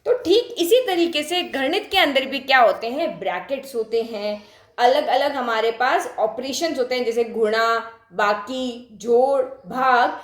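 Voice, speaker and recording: Woman, math teacher, high voice, echoey room, questions the class, repeats key points. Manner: talks straight to students, asks questions, repeats for emphasis. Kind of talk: classroom lesson explaining on a board.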